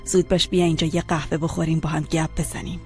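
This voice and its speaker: Woman as a smug, low-voiced aunt. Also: little pitch movement, soft background music, lightly acted. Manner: smug and coaxing. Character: scheming aunt praising her niece. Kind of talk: dubbed TV drama.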